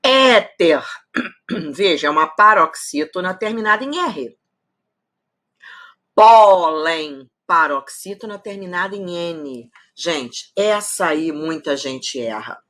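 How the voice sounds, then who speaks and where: A woman teaches grammar in a recorded online lesson, her voice bright and sharp at the edges. She lays out each rule slowly and clearly. Her pitch sits fairly low but swings widely and with lots of life. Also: animated. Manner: didactic, spells out rules slowly, checks in with students. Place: studio.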